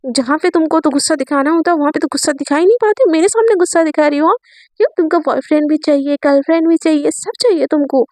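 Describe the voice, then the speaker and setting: A woman's voice: high-pitched, quick pace, a little mellow, dry recording, lightly acted. A woman voicing a stern, easily embarrassed woman teacher who scolds her student. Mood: scolding. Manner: scolding, exasperated.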